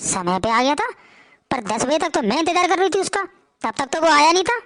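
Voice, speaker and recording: A woman's voice: sits high, big pitch swings, fairly quick, a bit bright, dry recording, studio quality, heavily acted. A woman voicing a stern, reproachful older mother-in-law who keeps prying.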